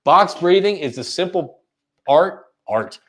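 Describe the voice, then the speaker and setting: A man's voice: on the high side, slow. A man hosting a live coaching webinar, talking casually and demonstrating different speaking tones, often checking in with listeners. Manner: animated, demonstrates vocal tones, asks listeners questions; casual filler-laden delivery with frequent "right?".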